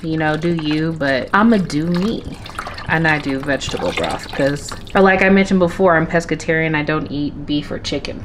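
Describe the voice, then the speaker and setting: A woman's voice: fairly low pitch, slight background noise. Chatty woman vlogging from an echoey kitchen. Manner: chatty, addresses viewers as y'all. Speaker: lifestyle vlogger. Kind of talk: casual cooking vlog narration. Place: home kitchen.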